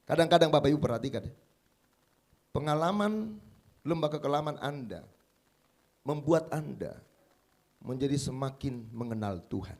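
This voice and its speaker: A man preaching a sermon as pastor at a church service, emphatic, swinging between loud exclamations and quiet, confiding passages. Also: mid-range voice, expressive, normal speed, pauses often.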